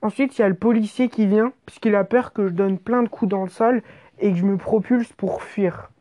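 A woman's voice: medium pitch, moderate pace. Woman telling a wild comic story. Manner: animated, exaggerated, slangy with swearing.

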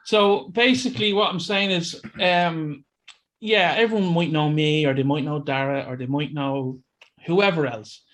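A man's voice: on the high side, steady tone, measured pace, a bit bright. A man with an Irish accent hosting a casual chat in an informal, bantering way. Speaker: podcast host. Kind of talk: casual chat, introducing guests.

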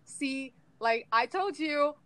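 Chatty woman from Hong Kong, higher voice. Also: lively intonation, slow, sharp tone, dry recording, rough recording. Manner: chatty, laughs between points, many fillers. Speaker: guest. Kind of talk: casual discussion over a call. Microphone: phone on a call.

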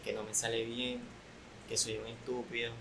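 A young man with a Venezuelan accent, a content creator guest, talking candidly in a relaxed, soft-spoken way. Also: medium pitch, normal speed, gravelly, background noise. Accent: Venezuelan Spanish. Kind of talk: casual podcast interview.

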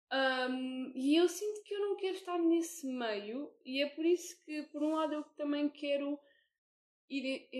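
A young woman with a European Portuguese accent co-hosts a casual podcast chat, her high voice ringing in an echoey room. She sounds hesitant, filling her speech with fillers and frequent restarts.

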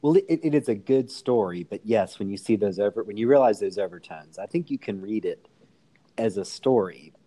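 A man with a low, mellow voice co-hosts a casual talk show. He has a dry, sarcastic manner. He is from North Carolina. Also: lively intonation, normal speed. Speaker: podcast co-host. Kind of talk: casual discussion.

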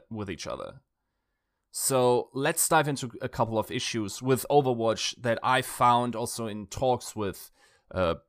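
A man's voice: medium pitch, no echo, clean studio sound. A man giving an analytical video essay, thinking aloud with rhetorical questions and frequent self-corrections. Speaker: esports analyst.

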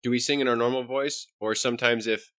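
A man's voice: mid-range voice, fairly even intonation, fast, fairly bright tone, no echo, clean studio sound. A man co-hosting a podcast in casual conversation, blunt and swearing freely. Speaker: podcast co-host.

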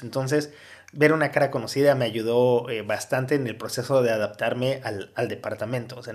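A Mexican man with a Mexican Spanish accent, chatting casually on a podcast and pausing often with fillers. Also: mid-range voice, a little mellow. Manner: hesitant, many fillers. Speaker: podcast host.

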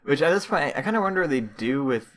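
A woman co-hosting a podcast, chatting casually in a relaxed, agreeable, gently amused way. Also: low-pitched, fast talker. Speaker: podcast co-host. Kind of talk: casual chat.

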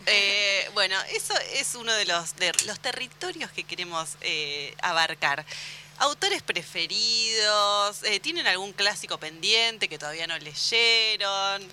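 Very bright, high-voiced host. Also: male voice, expressive, unhurried, slight background noise. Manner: asks questions, agreeable interjections. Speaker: podcast co-host. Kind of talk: casual conversation.

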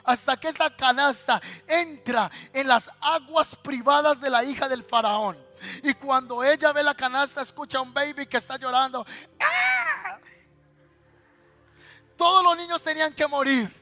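A Colombian male pastor preaching a sermon, telling stories in a lively, colloquial way and speaking straight to his listeners. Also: extremely high pitch, moderate pace, soft background music. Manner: storytelling, lively and colloquial, addressing listeners directly.

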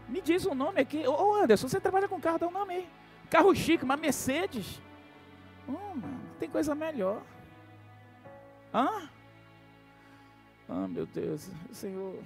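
A male pastor preaches with a very high-pitched voice and a dramatic, storytelling delivery. He calls out to the congregation and jokes with them between points. Soft music hums in the background. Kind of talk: sermon.

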